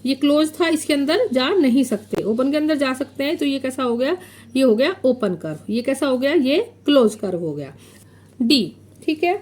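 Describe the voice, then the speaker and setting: A woman teaching a maths lesson. She explains step by step while drawing, poses questions and answers them herself, and repeats key terms slowly. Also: sits high, expressive, a little mellow. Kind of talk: classroom lesson explaining geometry.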